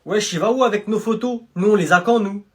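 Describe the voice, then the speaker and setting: A performer voicing an insolent teenage schoolboy who talks back in street slang with a husky, low mumble in a comedy sketch. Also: brisk, natural voice. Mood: indignant.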